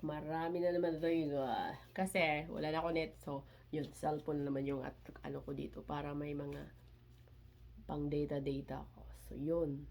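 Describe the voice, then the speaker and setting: A woman unboxing a parcel in a casual vlog, chatty and excitable, with little squeals of delight and mixed English phrases. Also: sits low, moderate pace, vocal fry. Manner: excitable, squeals and laughs between items; mixes Tagalog and English, chatty. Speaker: vlogger.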